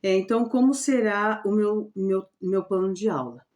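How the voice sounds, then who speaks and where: A woman teacher explaining her reading lesson plan for a student, often checking in with a quick question. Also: mid-range voice, a little mellow. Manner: repetitive, checks in with "certo?". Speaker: special education teacher.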